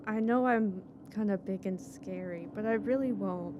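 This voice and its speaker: A woman voicing a big but gentle, protective female adventurer in a tabletop game. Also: mid-range voice, normal speed, narrow, tinny audio, background noise, lightly acted. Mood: gentle, reassuring. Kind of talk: tabletop game role-play.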